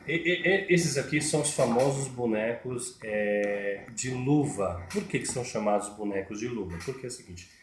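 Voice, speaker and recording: A man's voice: medium pitch, moderate pace, few pauses, noisy background. A man, teaching puppetry step by step and repeating his points. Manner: repetitive, explains step by step. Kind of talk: tutorial explanation. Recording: echoey room.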